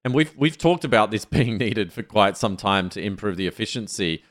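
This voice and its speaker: A man with a very deep, low voice co-hosts a tech podcast. He speaks in a relaxed, measured way and sometimes reads passages aloud. The talk stays casual and unhurried. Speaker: podcast co-host.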